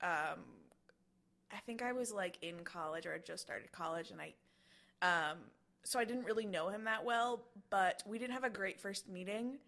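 A woman's voice: mid-range voice, normal speed, vocal fry, a bit bright. A woman in her twenties co-hosting a podcast, chatting casually with many fillers and restarts. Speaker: podcast co-host. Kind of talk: casual chat.

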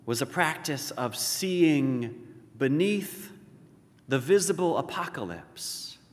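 A man preaching a sermon as pastor, slow and deliberate, swelling to emphatic peaks and dropping to hushed lows. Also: animated. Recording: reverberant hall.

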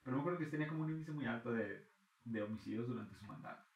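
A Mexican man in his twenties, a podcast guest telling stories in a slangy, animated way, acting out voices and sounds. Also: mid-range voice, rapid-fire. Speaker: podcast guest, freestyle rapper. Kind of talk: casual storytelling chat. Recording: echoey room, a bit far from the mic.

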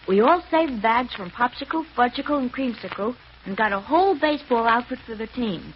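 A woman's voice: on the high side, expressive, fairly quick, lightly acted. A woman voicing an eager, chirpy all-American boy in an old radio commercial, gee-whiz and peppy. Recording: muffled, hissy old radio broadcast.

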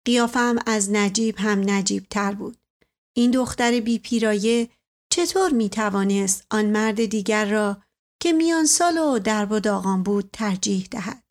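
Woman reading a story aloud. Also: mid-range voice. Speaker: audiobook reader. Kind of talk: first-person story narration.

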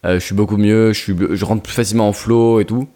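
A young man co-hosting a casual podcast, talking in a relaxed way with many hesitations and fillers. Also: lowish voice, quick pace. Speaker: podcast co-host.

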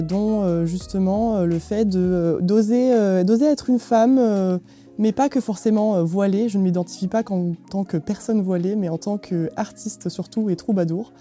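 A woman illustrator introducing herself in a hesitant way, with many pauses. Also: medium pitch, warm tone. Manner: hesitant, full of "euh". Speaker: guest, illustrator. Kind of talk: group discussion.

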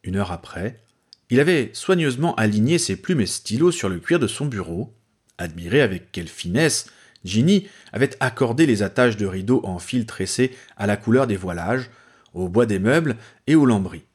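Husky low male storyteller. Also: normal speed. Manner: lively storytelling, voices the characters. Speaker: reader. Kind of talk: reading fan fiction aloud.

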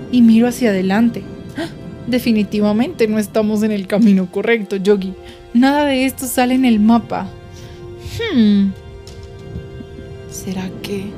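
A woman telling a guided yoga adventure story for children, leading breaths and moving between hushed whispers and excited cheers. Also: fairly high pitch.

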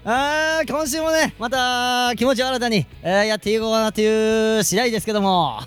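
High-pitched man ranting indignantly. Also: a bit bright, faint music behind. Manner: indignant, scolding, rapid rants. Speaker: comedy duo member, podcast co-host. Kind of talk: improvised comedy bit.

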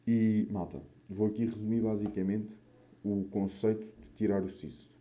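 A young man with a European Portuguese accent and a slightly low, very dark, mellow voice. He rambles through personal stories like a solo host, in loose, sweary slang. His mouth is a little swollen after having wisdom teeth out. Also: level tone, normal speed. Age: young adult. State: mouth still a bit swollen after wisdom tooth removal. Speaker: podcast or vlog host. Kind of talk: casual solo chat, rambling anecdotes.

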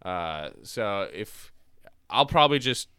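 A young man hosting a casual fantasy football podcast, animated and quick to get loud, a little hoarse from yelling. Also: lowish voice, dry recording. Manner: animated, trails off and restarts, gets loud when excited. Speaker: podcast host.

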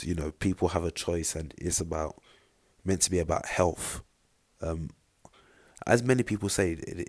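Deep-voiced man ramblingly giving opinions. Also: no room sound. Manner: rambling, filler-heavy, conversational. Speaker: vlogger. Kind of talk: casual opinion vlog.

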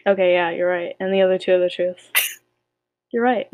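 A woman's voice: lowish voice, steady tone, brisk, no room sound, phone-quality sound. A young woman co-hosting a casual podcast, playful and teasing with slangy banter. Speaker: podcast co-host. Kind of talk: casual chat game with a friend.

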